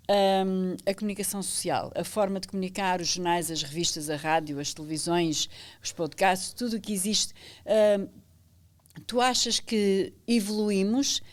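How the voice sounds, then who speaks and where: A woman from central Portugal hosting a podcast interview, chatting casually and asking long, winding questions. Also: medium pitch. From Portugal, central region. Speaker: podcast host.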